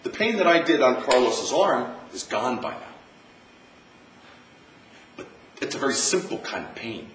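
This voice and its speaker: Lively American Zen monk, distant and roomy. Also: male voice, medium pitch, unhurried, long pauses. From United States. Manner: conversational, repeats phrases for emphasis. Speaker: Zen monk giving a talk. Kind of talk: informal dharma talk. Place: campus lecture room. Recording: roomy, distant mic, faint hiss.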